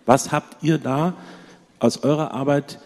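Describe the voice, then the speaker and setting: A man asks a question from the audience into a passed-around mic. He winds on with many fillers. His husky voice rings with long hall reverb. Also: a little high, steady tone, unhurried, a little mellow. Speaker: audience member asking a question. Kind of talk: question from the floor. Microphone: handheld mic passed around.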